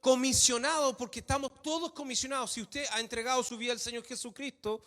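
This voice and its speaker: Male preacher, high voice, emphatic sermon, repeats key phrases, long church reverb. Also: steady tone, fast, a bit bright.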